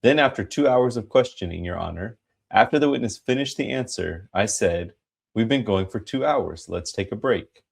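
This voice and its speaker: A man giving a dramatic reading of a court transcript as an attorney, formal and emphatic, with a gravelly, husky voice. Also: on the low side, expressive, normal speed. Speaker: reader voicing an attorney in a hearing.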